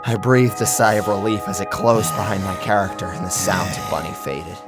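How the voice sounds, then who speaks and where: Narrating a first-person horror story, a man speaks fairly quickly in a low-sitting voice with fairly even intonation, though the style stays intense, theatrical and scripted. A clear music bed sits under the narration.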